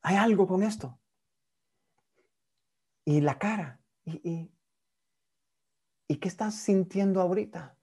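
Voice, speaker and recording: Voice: mid-range voice, takes it slowly, pauses often, mellow, slightly rough. A hypnosis instructor, teaching a tutorial, often checking in with "ok?" and shifting voice to demonstrate questioning. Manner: stammers on repeated words.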